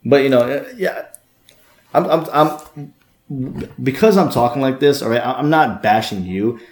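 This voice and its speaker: A man lectures his listener with blunt, scolding advice, often stumbling over repeated words as he pushes his point. His voice sits at an ordinary middle pitch. The sound carries a noticeable room echo. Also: unhurried. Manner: harsh, scolding, lots of stammered repeats. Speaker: dating podcast host. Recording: echoey room.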